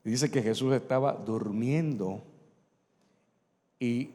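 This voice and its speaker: A man's voice: medium pitch, slow pace, warm tone. A middle-aged man preaching a sermon as pastor, acting out Bible dialogue in changed voices and calling on the congregation to repeat after him. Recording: long reverb of a large hall.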